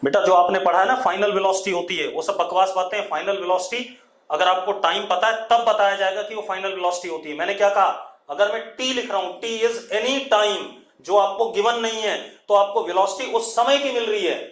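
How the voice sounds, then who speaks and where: A man with an Indian accent teaching physics in an online class, strict and scolding, dictating terms slowly. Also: high voice, fairly bright tone, echoey room. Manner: strict, scolding, addresses students as 'beta'; slow dictation of terms, drawn out.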